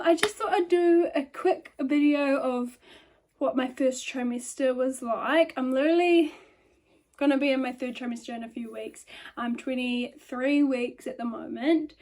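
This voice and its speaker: A woman's voice: high voice, normal speed, a little mellow. A young woman in her twenties chatting casually into her phone in her bedroom, rambling with lots of ums and likes and a little out of breath. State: a bit out of breath. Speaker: vlogger. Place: bedroom by a lamp. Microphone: phone camera.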